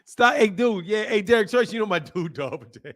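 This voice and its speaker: A little fast in delivery, a fifty-something boxing channel host chats on a casual live stream and responds to comments. His voice is fairly high for a man; he's lively, hammers home points through repetition, and laughs along the way.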